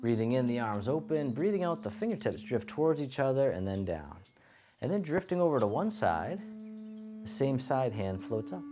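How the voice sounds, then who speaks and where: A man teaching tai chi, cueing each movement step by step in a gentle, encouraging, unhurried way. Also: medium pitch, very animated. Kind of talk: guided movement lesson, calm step-by-step cueing. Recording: music playing behind the voice. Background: music.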